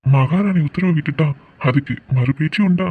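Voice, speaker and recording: A man's voice: on the high side, normal speed, slightly rough, phone-quality sound. A man voicing a joking young man who teases his sweetheart with mock-polite sarcasm in a cartoon love story. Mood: sarcastic. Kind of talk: cartoon voice acting.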